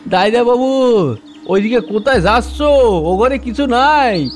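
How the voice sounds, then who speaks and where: A man's voice: high-pitched, very animated, soft background music, exaggerated voice. A man doing an old rustic caretaker. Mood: warning. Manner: rustic village speech, slow and pleading. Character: elderly male village caretaker, humble and earnest. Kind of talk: audio drama acting.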